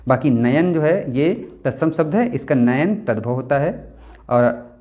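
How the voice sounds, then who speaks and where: A young man leads a casual exam-prep lesson at a medium pitch. He repeats the key words and keeps putting questions to his students, filling the gaps with quick checks like "okay". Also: expressive, a little mellow. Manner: repeats words and asks the class questions, slipping in "theek hai". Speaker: exam-prep Hindi teacher.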